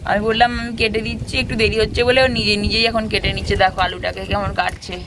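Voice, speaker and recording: A woman's voice: medium pitch, little pitch movement, quick pace, noisy background. A young woman, a mother, chatting to her viewers in a casual vlog on a rooftop in light rain while coaxing her small daughter. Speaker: family vlogger and mother.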